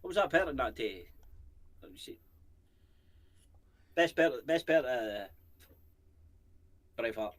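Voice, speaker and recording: A man's voice: mid-range voice, animated, takes it slowly, pauses often. A Scottish man co-hosting a paranormal channel, chatting casually in a rambling, jokey way and swearing freely. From Scotland. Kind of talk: casual chat.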